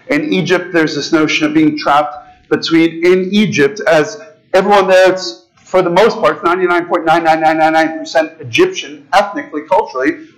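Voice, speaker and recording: A priest in his thirties with a notably high voice preaches a sermon in a large church. He talks to the congregation as if chatting with friends, gesturing freely and often tossing in "right?" and "okay?" to keep them with him. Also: poor audio. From United States. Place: large ornate church, indoors, speaking to a seated congregation. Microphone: far camera, preacher standing at a lectern.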